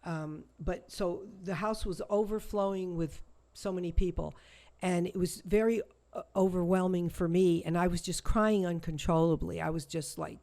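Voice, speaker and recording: Halting, low-voiced woman telling a story. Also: steady tone, mellow. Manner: halting, emotional, many restarts and repetitions. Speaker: shamanic healer guest. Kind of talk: personal storytelling in an interview.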